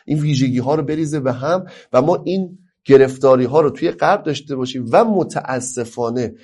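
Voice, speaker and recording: An Iranian man lectures on family life with emphasis, posing rhetorical questions and then answering them himself. He stretches out key phrases slowly before picking up speed, in a medium-pitched, somewhat dark voice.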